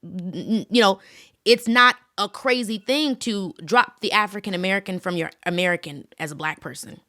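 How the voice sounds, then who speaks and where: A young woman hosting a casual chat, animated and full of fillers. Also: mid-range voice, moderate pace, no echo, studio quality. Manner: animated, chatty, lots of fillers. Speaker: podcast host.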